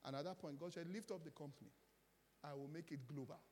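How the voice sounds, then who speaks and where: High-voiced preacher guy, swoops up loud then drops low, faint room noise behind. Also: fast, in a large hall. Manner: animated preaching, rising to loud emphatic peaks and dropping low; call-and-response questions to the congregation. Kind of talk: sermon.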